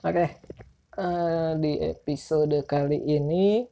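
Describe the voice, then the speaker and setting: Male podcast host, Jakarta accent, dark mellow tone, can't roll his r's, loose and informal. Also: fairly high pitch, fairly even intonation, takes it slowly, gravelly. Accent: Jakarta Indonesian. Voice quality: speech impediment on r, cannot roll his r's. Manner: informal, rambling, self-deprecating. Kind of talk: casual solo podcast chat.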